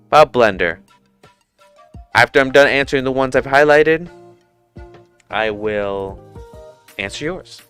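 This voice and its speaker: A man's voice: medium pitch, fairly bright tone, smooth. A man in his thirties from Puerto Rico, hosting a casual livestream, chatting informally with lots of fillers and restarts into a headset mic. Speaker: livestream host. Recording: music playing faintly underneath.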